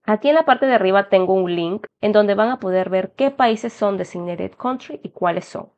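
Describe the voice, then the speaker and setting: A woman's voice: medium pitch, normal speed, a little mellow. A young adult woman from Peru with a Peruvian Spanish accent, walking viewers through an application form in a friendly explanatory tutorial. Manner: explanatory, addresses viewers as "chicos". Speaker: immigration tutorial host. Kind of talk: step-by-step tutorial narration. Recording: slightly dull lo-fi sound.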